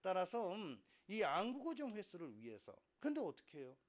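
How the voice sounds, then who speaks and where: A man's voice: high-pitched, moderate pace. A middle-aged man teaching a Korean language class, lecturing animatedly, acting out students and asking rhetorical questions. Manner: animated, acts out students' voices, frequent laughter and rhetorical questions.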